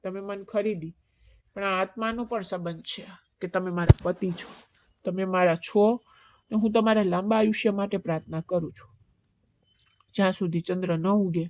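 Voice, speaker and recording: A devoted young wife, faint from fasting, answers calmly and quietly in a storybook reading, as a woman narrator gives her voice. Her middle-pitched tone stays soft and steadfast. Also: close to an everyday voice.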